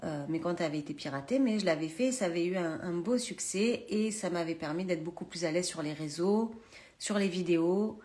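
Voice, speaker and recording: A woman with a lowish, slightly mellow voice talks a little fast as she chats live with her viewers from a phone in a holiday cottage. She's a live streamer and massage trainer, and this casual social media chat flows freely with plenty of hesitations.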